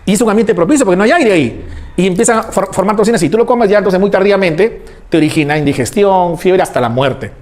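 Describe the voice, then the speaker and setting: High-pitched man teaching a class, animated, asks questions and answers them himself. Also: fast. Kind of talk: classroom lecture.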